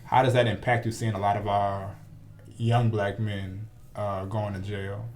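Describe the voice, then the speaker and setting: A man's voice: on the low side, flat delivery, unhurried, a little mellow, a little hiss or hum. A man hosting a podcast, asking questions in an easygoing, loose way full of ums. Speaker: podcast host. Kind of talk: casual podcast interviewing.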